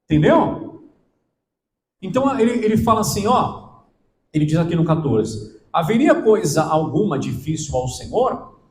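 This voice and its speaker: A man preaching in a church hall, his fairly high voice swinging widely as he presses his point. He keeps checking in with the congregation, and the room echoes around him with a faint hum behind. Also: very animated, measured pace, pauses often. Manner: emphatic, asks the congregation questions. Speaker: pastor. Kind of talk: sermon.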